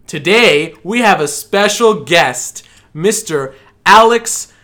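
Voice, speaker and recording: A man's voice: sits high, lively intonation, slow, sharp tone. A young man co-hosting a podcast in casual chat, teasing his guest with playful questions. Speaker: podcast co-host.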